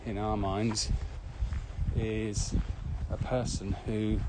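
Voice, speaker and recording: Walking outdoors across open fields, a male podcast co-host explains things in a measured, slightly formal manner. His voice is lowish and flat. The outdoor recording carries clear ambient noise.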